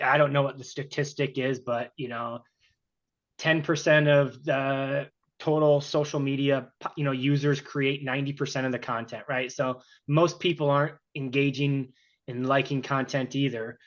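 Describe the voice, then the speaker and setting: A man speaking as a panelist on a video-call webinar, relaxed, with many fillers. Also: mid-range voice, dull audio.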